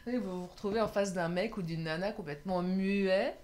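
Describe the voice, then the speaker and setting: A woman's voice: mid-range voice, normal speed, a little mellow. A woman doing a casual love tarot reading, chatty and often laughing, sometimes tripping over her words. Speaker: tarot card reader.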